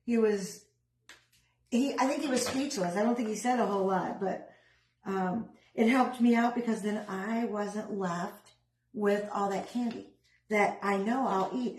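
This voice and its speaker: A woman's voice: mid-range voice, a little mellow, echoey room, a little hiss or hum, rough recording. A middle-aged woman chatting casually while she works on a craft, rambling with self-deprecating asides. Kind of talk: casual craft vlog chat.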